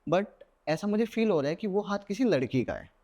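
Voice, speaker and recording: A young adult man, a podcast guest, telling a personal horror story in a lively way and mixing English words into his Hindi. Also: high-pitched, fairly quick.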